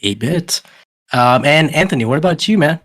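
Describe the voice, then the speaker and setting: A man's voice: a little high, expressive, moderate pace, a bit bright. A man hosting a podcast in casual group chat, loose and jokey, often stumbling over his words. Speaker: podcast host.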